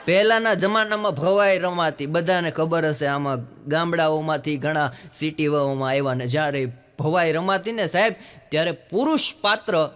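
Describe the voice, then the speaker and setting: A man performing stand-up jokes on stage, acting out voices in animated bursts. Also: high voice, clean tone. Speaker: stand-up comedian. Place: live stage show with audience.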